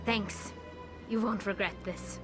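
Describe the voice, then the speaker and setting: A woman's voice: medium pitch, fairly even intonation, slow pace, music in the background, close to an everyday voice. A woman voicing an earnest, resolute young alien pilgrim in a video game. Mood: grateful.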